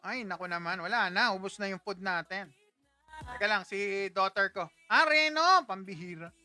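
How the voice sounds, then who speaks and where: A man's voice: high-pitched, normal speed, bright, forceful tone, faint music behind. A man hosting a casual livestream, chatting with viewers in a playful, teasing way and laughing often. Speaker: livestream host.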